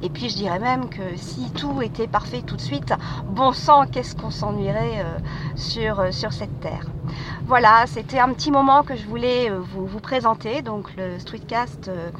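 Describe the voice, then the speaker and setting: A woman's voice: a little high, moderate pace. A woman hosting her own podcast, talking in a hesitant, casual monologue full of fillers and restarts. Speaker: podcast host. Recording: street noise with passing vehicles.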